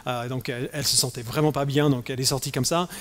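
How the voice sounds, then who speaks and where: Man, pastor, raised in the US; halting sermon delivery full of restarts; long church-hall reverb. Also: mid-range voice, fairly even intonation, fairly bright tone. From United States. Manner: halting, many fillers and restarts.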